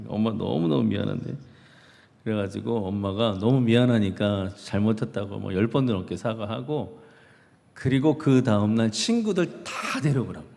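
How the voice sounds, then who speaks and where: Man preaching a sermon, storytelling style, rough creaky voice, lots of church echo. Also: mid-range voice, a little mellow. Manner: conversational storytelling with rhetorical questions. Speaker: pastor. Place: church sanctuary. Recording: reverberant church hall.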